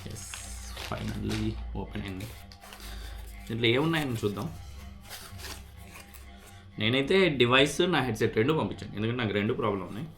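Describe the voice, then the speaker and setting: Soft background music accompanies a man whose voice is fairly low, fairly bright and a bit creaky, with lively intonation at a moderate pace and frequent pauses. He's a vlogger casually explaining a product repair experience and unboxing, often mixing in English words.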